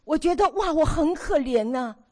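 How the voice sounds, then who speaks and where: An older woman in her sixties preaches to a gathering of women. Her voice sits fairly high, and it leaps up and down as she tells stories from her own life. She acts out scenes as she speaks. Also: normal speed. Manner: animated storytelling, acts out her own past nagging. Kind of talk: sermon to a women's meeting.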